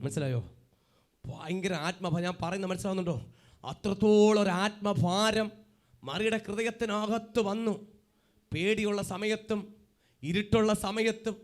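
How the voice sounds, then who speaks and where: A man preaching a sermon fervently, swinging from loud cries to hushed asides. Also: high voice.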